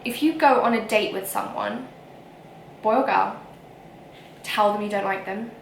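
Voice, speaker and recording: A young adult woman vlogger rants casually to camera in an echoey room, frank and emphatic, with frequent fillers and a whiny voice. Her voice is mid-range, unhurried and gravelly, with a little hiss or hum.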